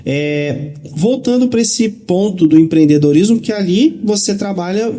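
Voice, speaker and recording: Mellow, slightly high-voiced male host. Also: normal speed. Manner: relaxed, asks leading questions with many fillers. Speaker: host, financial educator. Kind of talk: casual interview chat.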